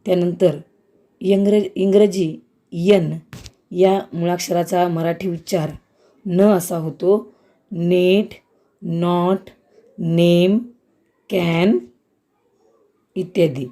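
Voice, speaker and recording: A woman teacher giving a school lesson on letter sounds, slow, careful and word by word. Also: fairly low pitch, steady tone, warm tone.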